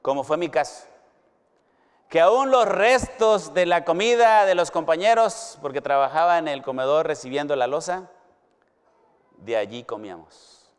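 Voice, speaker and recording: A middle-aged man with a Mexican Spanish accent preaching a sermon as a pastor, slow and emphatic, with dramatic pauses and big swings from loud to hushed. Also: on the high side, lively intonation, clean tone. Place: university hall or chapel. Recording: long hall reverb.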